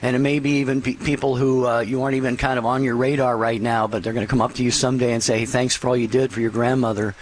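Male host, call-in radio, even voice, encouraging, faint noise. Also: medium pitch, fast talker, few pauses, poor audio. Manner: warm pastoral encouragement.

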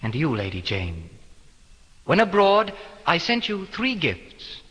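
Earnest young prince, lively bright voice. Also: male voice, on the high side, breathy edge, exaggerated voice. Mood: earnest, assured. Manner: deliberate, formal address. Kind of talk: theatrical period drama acting. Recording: reverberant hall.

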